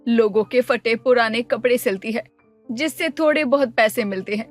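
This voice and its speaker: A woman's voice: a little high, normal speed, soft background music, close to an everyday voice. A woman voicing a protective, worried mother in a cartoon story, lecturing her daughter firmly. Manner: lecturing, firm.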